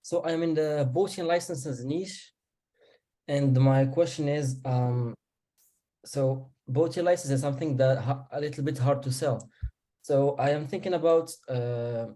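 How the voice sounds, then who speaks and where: A man from Morocco asking a hesitant question on a video call, with many pauses and fillers. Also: medium pitch, mellow. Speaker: caller.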